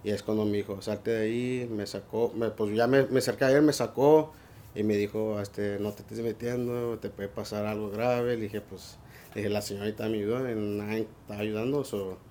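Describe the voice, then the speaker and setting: A young man from the Laredo, Texas border region, a local resident who helped with a rescue, is being interviewed. His voice is fairly low and dark, with a steady tone and moderate pace. He recounts what happened casually, telling it as a loose story full of fillers and sprinkled with English words.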